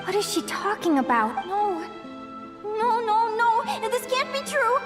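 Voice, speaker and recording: A woman's voice: very high voice, big pitch swings, a little slow, exaggerated voice. An actress voicing a bewildered young woman lost in a dream in a video game, wistful and anxious. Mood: distraught denial. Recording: game audio with music over it. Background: game music.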